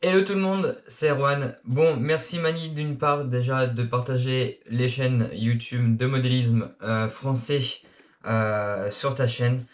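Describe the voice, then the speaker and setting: A man's voice: mid-range voice, fairly even intonation, takes it slowly. A young man from France in his late teens, introducing his RC hobby channel in a casual, hesitant way with many filler sounds, recorded on an action camera. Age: young adult. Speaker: RC hobby YouTuber.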